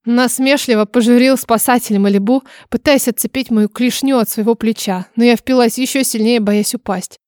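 A woman narrating a story in first person, reading in an expressive, dramatic way. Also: a little high, normal speed, hardly any pauses, no echo, clean studio sound. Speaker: audiobook narrator.

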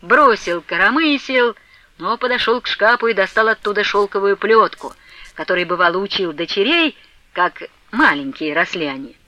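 A woman narrating a classic novel as an audiobook in an expressive storytelling manner. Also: mid-range voice, normal speed, no room sound, rough recording.

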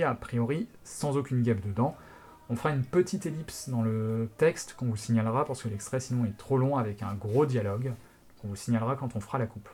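A man's voice: mid-range voice, a little mellow. A man co-hosting a podcast, explaining in a casual, teasing way with hesitant fillers. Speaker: podcast co-host.

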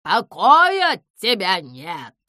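A woman voicing a grumpy, quick-tempered female owl who talks in loud, exasperated outbursts. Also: mid-range voice, animated, dry recording, studio quality. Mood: indignant.

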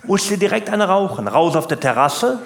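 A comedian voicing a loud, blunt older working-class man who keeps tacking on short questions. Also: very animated, normal speed, vocal fry, reverberant, full character voice. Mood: mocking. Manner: blunt, tag questions, jumps in pitch. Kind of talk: stand-up routine and prank call.

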